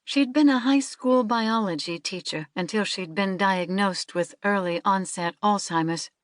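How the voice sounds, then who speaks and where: A woman narrating a novel in the first person, in a measured, steady way. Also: mid-range voice, dry recording, clean studio sound. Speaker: audiobook narrator.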